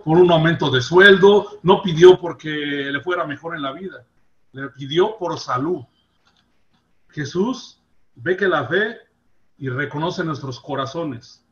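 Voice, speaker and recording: A man's voice: fairly high pitch, unhurried. Earnest man preaching, muffled. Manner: earnest, rises and drops in loudness for emphasis. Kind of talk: devotional sermon.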